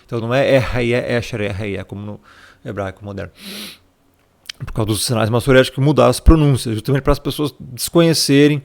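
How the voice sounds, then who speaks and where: A man's voice: medium pitch, steady tone, fast, gravelly, darkish tone. A man explaining scripture in a casual Bible study, talking conversationally and checking in with his listener as a brother. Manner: conversational, peppered with tag questions, addresses listener as brother. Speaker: Bible teacher.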